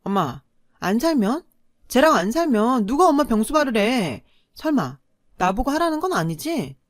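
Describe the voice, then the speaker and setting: Whiny spoiled older sister, read by a woman in a story narration; dismissive, a bit higher. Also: sing-song, moderate pace, no echo, studio quality. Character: spoiled selfish older sister, young adult.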